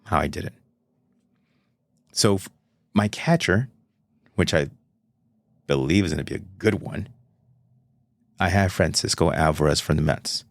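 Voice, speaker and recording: Gravelly low-voiced man rambling on a podcast. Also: dry recording, clean studio sound. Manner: rambling, self-correcting, chatty. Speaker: podcast host. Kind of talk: casual solo podcast talk.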